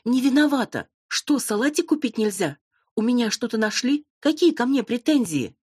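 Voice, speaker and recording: A woman reader voicing a brash young blonde shoplifter who squeals loudly and indignantly in an audiobook. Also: on the high side, expressive, moderate pace, breathy edge, no room sound, clean studio sound, voice pushed up.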